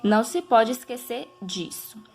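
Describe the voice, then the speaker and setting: A woman's voice: a little high, expressive, a little mellow, slight background noise. Patient woman teaching children. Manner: slow, patient, drawing out example words syllable by syllable; checks in with listeners often. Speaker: primary school teacher. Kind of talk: recorded review lesson for children.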